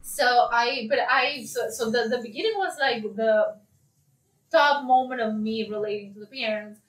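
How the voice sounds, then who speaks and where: Woman, high voice, animated storytelling, far from the mic. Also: normal speed. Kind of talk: casual chat. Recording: roomy, distant mic.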